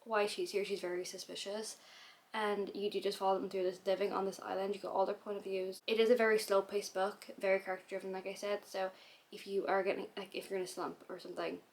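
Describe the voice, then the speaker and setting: A woman's voice: mid-range voice, little pitch movement, quick pace. A woman vlogger talking casually about books to camera, rambling and chatty, with hiccups she can't get rid of. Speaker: book vlogger.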